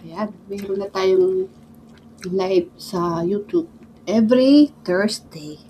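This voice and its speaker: A woman's voice: medium pitch, takes it slowly, mellow. A Filipino woman hosting a mukbang vlog, chatting casually and chewing while she talks. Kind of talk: casual chat while eating. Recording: clear background noise.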